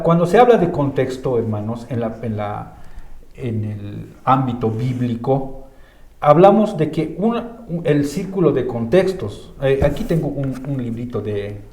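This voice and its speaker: A man's voice: mid-range voice, a little mellow. Bolivian man teaching Bible, roomy sound. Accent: Bolivian Spanish. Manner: explains with many filler tags and restarts. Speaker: church teacher. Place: church room. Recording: roomy echo.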